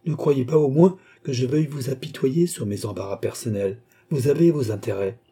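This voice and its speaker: A man's voice: medium pitch, moderate pace, mellow, breathy edge, lightly acted. A man reading a proud, desperate cardinal. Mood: anxious pride. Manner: haughty yet anxious, pleading. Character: proud, distressed male cardinal prince in debt.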